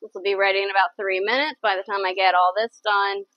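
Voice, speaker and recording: A woman's voice: mid-range voice, level tone, fast, dry recording, highs cut off. A woman hosting a live cooking show in her kitchen, chatty and enthusiastic, often repeating herself. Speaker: cooking channel host. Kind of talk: casual live cooking chat. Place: home kitchen.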